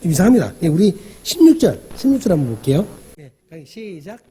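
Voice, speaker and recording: A man's voice: high-pitched, sing-song, fairly quick, warm tone, husky. A male pastor giving a conversational sermon, often asking the congregation questions and acting out the dialogue he describes. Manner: acts out quoted dialogue.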